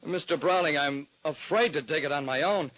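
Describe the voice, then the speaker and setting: In an old radio drama, a man voices a secretary, an eager young job seeker who pleads in a high voice, earnest but nervous, polite and anxious throughout. He speaks at a normal speed, close to an everyday voice, and the sound is dull and lo-fi like a 1940s broadcast transcription.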